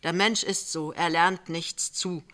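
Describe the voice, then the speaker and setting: A gruff, brooding man, as a reader acts him in an audiobook, blunt, with a gentle consoling streak. He speaks in a bright, forceful tone. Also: mid-range voice, fairly even intonation, a little slow. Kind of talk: audiobook character reading.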